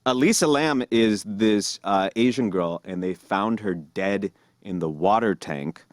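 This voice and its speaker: A man hosting a podcast, telling stories in casual chat and jumping high in pitch when he mimics other people. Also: unhurried, dry recording, clean studio sound. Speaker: podcast host.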